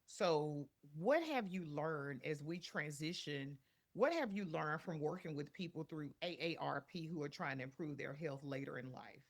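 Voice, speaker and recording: Gravelly calm interview host. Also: mid-range voice. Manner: calm, affirming, asks measured questions. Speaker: podcast host. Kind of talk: interview questions.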